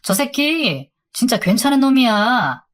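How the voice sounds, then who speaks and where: A loud young friend at a late-night drinking table , played by a woman storyteller, teasing and egging on a match. The voice sits higher than her plain narration, playful and pushy. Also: very animated, a little slow.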